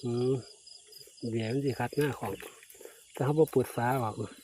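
A man's voice: medium pitch, steady tone, normal speed, darkish tone, a little hiss or hum. A man with an Isan accent, chatting casually to viewers outdoors at night while checking his fishing lines, often addressing them as brothers and sisters. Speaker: vlogger. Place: rural fields at night, outdoors. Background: crickets and insects.

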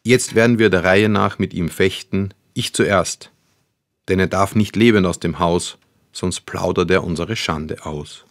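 A man voicing a hot-headed, self-righteous youngest brother who talks excitedly and insistently. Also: deep voice, measured pace, dry recording, studio quality. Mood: resolute.

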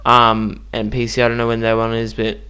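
A man's voice: mid-range voice, completely flat delivery, fairly quick, pushed and bright, smooth. A man giving casual, chatty commentary on a video game he just played, with lots of ums and likes. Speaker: gaming YouTuber.

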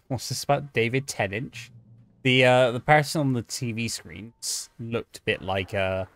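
Gravelly, unhurried male game streamer. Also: mid-range voice, steady tone, a bit bright, no echo. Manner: chatty, jokey, talks to chat, yelps at scares. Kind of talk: gameplay commentary.

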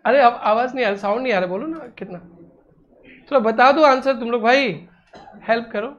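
A woman teaching accounting, calling on students one by one, brisk and teasing as she urges them to answer. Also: fairly high pitch, dull audio. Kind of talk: classroom questioning.

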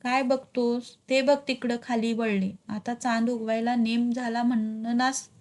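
Storybook role: gentle elderly village man, read by a woman, soothing and slow. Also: on the high side, little pitch movement, lightly acted. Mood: consoling. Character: old male village elder, gentle and consoling.

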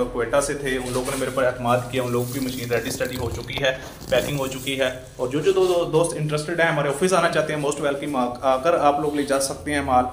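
A young Pakistani man who owns a small business films a selfie sales vlog, holding his phone at arm's length indoors in a small workshop and shop. His pitch for the machines is earnest and repetitive, with many fillers, over a little hiss or hum.

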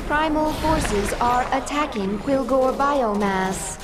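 Slow, solemn alien adviser. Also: female voice, high-pitched. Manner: formal, measured, declarative. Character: solemn female alien adviser reporting to her queen. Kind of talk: video game mission updates. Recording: clear battle noise behind. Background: game sound effects.

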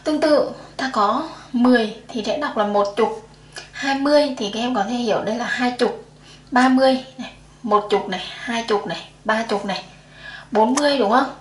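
Woman, primary math teacher, patient counting-aloud delivery, a touch high, echoey room. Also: moderate pace, slight background noise. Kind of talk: explaining a lesson to young children.

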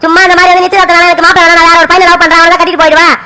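A stern, short-tempered cartoon father, as a woman puts him on. He scolds quickly and threateningly, and his voice sits unusually high and bright for a man. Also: little pitch movement. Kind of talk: animated family serial voice acting.

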